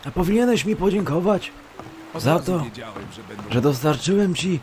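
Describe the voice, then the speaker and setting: A man's voice: a little high, expressive, brisk, crowd noise, natural voice. A man voicing a smug, sleazy parody of an old wizard who mocks and lectures in a crude comedy dub. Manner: smug, mocking, leering.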